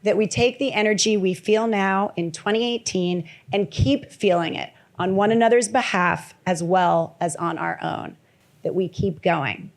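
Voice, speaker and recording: A woman's voice: medium pitch, measured pace. A woman who organized the event, giving earnest opening and closing remarks.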